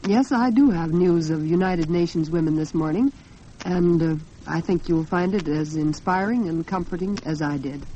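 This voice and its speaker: An American woman hosts a 1940s radio talk program from a radio studio, speaking conversationally and directly to her listeners. Her voice is fairly low and mellow at a moderate pace, heard through a muffled, noisy 1940s broadcast recording.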